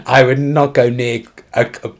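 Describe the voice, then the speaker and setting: A British man chatting casually as a podcast co-host, with soft R sounds that come out like w. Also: mid-range voice, level tone, moderate pace. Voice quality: can't pronounce R properly, says w for r. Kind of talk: casual chat.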